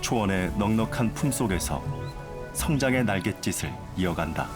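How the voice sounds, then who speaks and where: Casting: male nature documentary narrator, lowish register, measured formal read, music underneath. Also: lively intonation.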